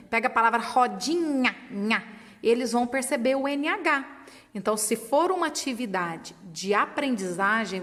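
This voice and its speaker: A woman's voice: on the high side, fairly bright tone. A woman with a Brazilian Portuguese accent explaining literacy stages to teachers, patiently sounding out words syllable by syllable. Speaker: teacher trainer. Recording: long reverb.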